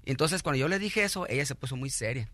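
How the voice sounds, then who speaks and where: A middle-aged man, a guest on a radio show, telling his own story in a halting, earnest way, full of restarts and thanks. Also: medium pitch, animated, fairly bright tone, no room sound.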